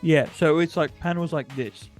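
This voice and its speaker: A man's voice: on the high side, moderate pace, soft background music. A man hosting a casual chat about comic books, talking hesitantly with many fillers and restarts. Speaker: host.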